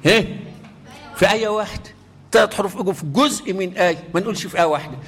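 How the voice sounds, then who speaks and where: A man's voice: high voice, racing, fairly bright tone, slightly rough. A man with an Egyptian accent teaching a class the rules of Quranic recitation. He keeps quizzing his students with repeated questions and chants the verses melodically. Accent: Egyptian Arabic.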